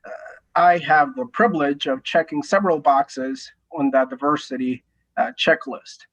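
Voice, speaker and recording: A man's voice: fairly high pitch, steady tone, moderate pace, fairly bright tone, low-quality recording. A man in his thirties, a native Spanish speaker from Mexico with a Mexican Spanish accent, introducing himself in a friendly way as a panelist, with frequent restarts. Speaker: attorney, panelist.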